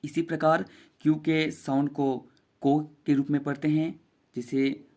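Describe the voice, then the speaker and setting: A man's voice: a little high, level tone, a little slow, a little mellow. A man teaching a beginner English phonics lesson, patiently repeating each sound.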